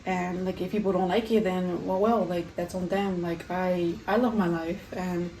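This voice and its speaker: A young adult woman speaks at a moderate pace, her somewhat low, steady voice a little mellow, while eating through a mukbang Q&A. She rambles casually with lots of "like," recorded indoors in her spacious kitchen amid echo and faint background noise.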